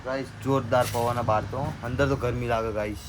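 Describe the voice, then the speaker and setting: A man gives a chatty, rambling tour of his small shop and storeroom, talking straight to his viewers. His voice sits at an ordinary pitch. Street traffic and noise fill the background. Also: steady tone, a little fast. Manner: chatty, keeps addressing viewers as guys. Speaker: shopkeeper vlogger. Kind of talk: casual vlog commentary.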